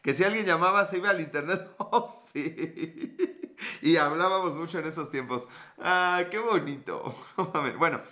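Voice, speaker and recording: Here a Mexican-accented man in his thirties runs a casual live stream, cracking jokes, cursing, and reading out chat messages. He talks at a normal speed in a slightly high voice that sounds pushed and bright.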